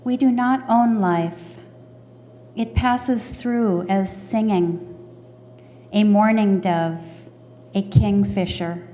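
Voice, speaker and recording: A woman reading poems aloud in a slow, deliberate recitation. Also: medium pitch, dark tone, slight background noise. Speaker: poetry reader.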